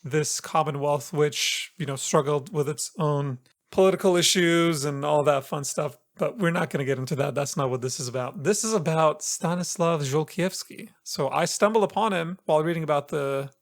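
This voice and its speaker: A man co-hosting a podcast, telling a story in a chatty, relaxed way with playful asides. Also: on the high side, normal speed, gravelly, few pauses. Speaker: podcast co-host presenting the episode's story. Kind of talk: casual podcast chat.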